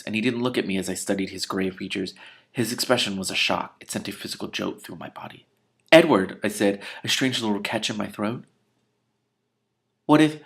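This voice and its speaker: With a creaky, fairly bright voice on the low side, a man hosts a reading of a novel. Between passages he lets loose with casual, sarcastic, irreverent and incredulous commentary.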